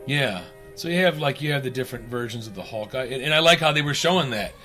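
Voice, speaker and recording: A male radio co-host with a bright, forceful voice, talking in a loose, animated way and cursing casually. Faint music plays behind him. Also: mid-range voice, quick pace. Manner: animated, swears, does funny voices. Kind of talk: casual chat.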